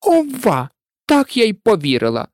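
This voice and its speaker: A reader voicing a frantic, shrill female pigeon who scolds and shrieks in a storybook recording. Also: expressive, moderate pace, gravelly, dry recording, clean studio sound. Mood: scornful. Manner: scolding, indignant, breaking into cries. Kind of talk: audiobook reading.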